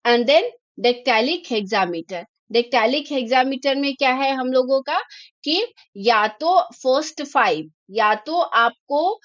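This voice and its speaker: A woman's voice: high-pitched, animated, slow, fairly bright tone, no echo, lo-fi sound. A woman teacher giving an exam-prep lecture, explaining step by step and mixing English terms into Hindi.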